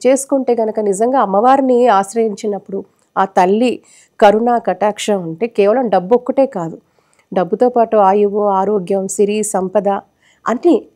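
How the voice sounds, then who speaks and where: A woman's voice: medium pitch, warm tone. A woman speaking earnestly on a live TV devotional show, explaining practices and sharing her own experience.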